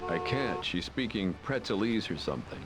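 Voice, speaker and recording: A man doing a dry, wisecracking deep-voiced sidekick. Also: expressive, moderate pace, over music, close to an everyday voice. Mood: wry.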